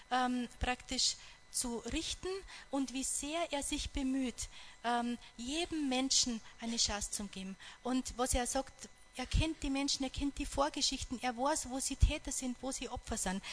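A woman with a fairly high voice retells a story as part of a devotional talk. She is earnest and reflective, breaking off mid-sentence and starting again as she works through her thoughts. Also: slight background noise. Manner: earnest, reflective, stops and restarts often.

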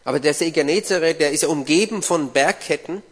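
A man interpreting a sermon line by line, following the preacher with quick restarts. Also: a little high. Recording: long hall reverb.

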